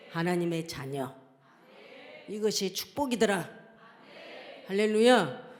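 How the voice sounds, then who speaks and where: Pastor, fiery sermon delivery, hush-to-shout swings, mid-pitched voice, echoing sanctuary. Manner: swings from hushed near-whispers to fervent shouting; calls out hallelujah and questions to the congregation. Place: church sanctuary. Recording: long reverb of a large hall.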